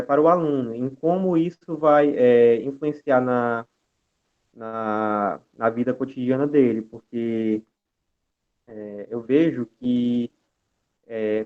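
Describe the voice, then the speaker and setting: Hesitant Brazilian man on a tinny call. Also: medium pitch. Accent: Brazilian Portuguese. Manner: hesitant, many filler sounds and restarts. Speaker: guest speaker. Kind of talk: online lecture presentation. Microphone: video call. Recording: tinny video call audio.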